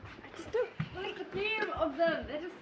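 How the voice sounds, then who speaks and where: A woman chatting casually, quick and a little squeamish, in a home vlog. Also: very high-pitched, lively intonation, reverberant, a loud crowd. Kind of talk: casual chat.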